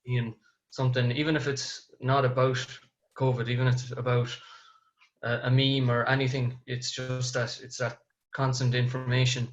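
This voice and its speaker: A man's voice: medium pitch, level tone, moderate pace. A man with an Irish accent hosting a casual podcast interview, on slightly lo-fi audio. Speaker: podcast host.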